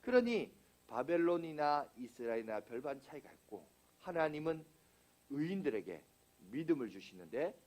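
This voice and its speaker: Animated Korean pastor preaching a sermon. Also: male voice, a little high, moderate pace. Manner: animated preaching, rhetorical questions, acts out prayers in quotes. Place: church sanctuary.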